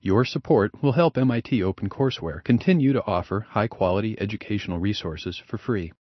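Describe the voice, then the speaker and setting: A man reads a scripted announcement in an even, measured voice, a touch lower than average. The recording is dry and close, with a slightly dull, muffled top end. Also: dry recording.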